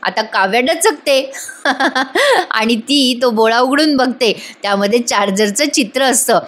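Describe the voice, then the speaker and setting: A woman's voice: a little high, lively intonation, measured pace, fairly bright tone. A woman giving a casual, chatty voice-over recap of a TV serial, talking straight to her viewers. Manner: chatty, addresses viewers, laughs often. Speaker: TV serial reviewer.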